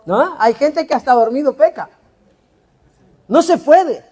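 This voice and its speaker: A man preaching a sermon in a church, pressing the congregation with rhetorical questions and forceful emphasis. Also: very high-pitched, expressive, a little slow. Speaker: pastor.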